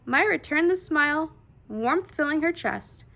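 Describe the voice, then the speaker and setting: A woman with a high, creaky-edged voice narrates a children's storybook. Like a read-aloud host, she reads expressively and deliberately, leaning into the dramatic words.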